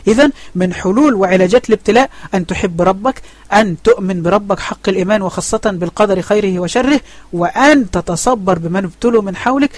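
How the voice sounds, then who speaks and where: Egyptian male religious teacher, brisk and high, close dry sound, online lesson. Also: no echo. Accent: Egyptian Arabic. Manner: asks questions and answers them himself. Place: online voice chat room.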